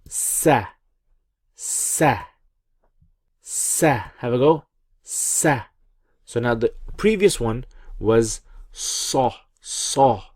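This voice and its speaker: A man teaching pronunciation in a call-and-repeat lesson, encouraging and deliberate as he repeats sounds for learners. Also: mid-range voice, darkish tone, dry recording, studio quality. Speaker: Quran reading teacher.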